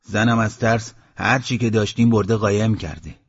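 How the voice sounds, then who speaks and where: A man's voice: lowish voice, steady tone, slightly rough, no room sound. A man voicing an uneasy, pitying male villager, on a dull lo-fi audiobook recording. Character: anxious male villager feeding the beast.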